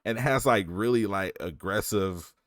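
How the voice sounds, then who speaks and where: Guy on a podcast retelling a movie plot, lowish voice, lots of slang and jokes, dry sound. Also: measured pace, no room sound. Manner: animated storytelling with slang and jokes. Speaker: podcast co-host. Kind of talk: casual movie recap chat.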